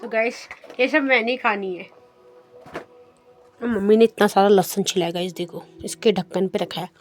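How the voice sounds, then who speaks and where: A woman's voice: medium pitch, steady tone, normal speed, faint music behind. A young woman chatting casually in a home vlog, teasing and talking straight to her viewers. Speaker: vlogger.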